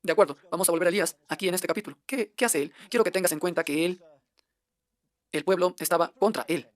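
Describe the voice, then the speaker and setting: A man's voice: sits high, fast, no room sound. A man preaching a translated sermon, emphatic and firing off one rhetorical question after another.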